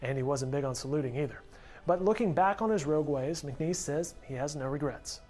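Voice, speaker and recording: A man narrates a scripted news feature as its reporter. His voice sits a little high, and music plays behind him. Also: fairly quick, darkish tone.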